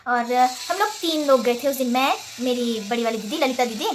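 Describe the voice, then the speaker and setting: High-voiced chatty young woman vlogger. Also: brisk, a little hiss or hum. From Himalayan India. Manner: chatty storytelling, laughs often, slips into English phrases. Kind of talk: casual Q&A vlog.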